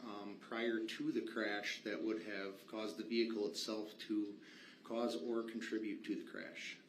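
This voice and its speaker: A man's voice: fairly low pitch, flat delivery, measured pace. A man giving formal testimony as a witness, explaining his work in a matter-of-fact way. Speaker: witness, state patrol vehicle inspector. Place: courtroom. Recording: echoey courtroom, faint noise.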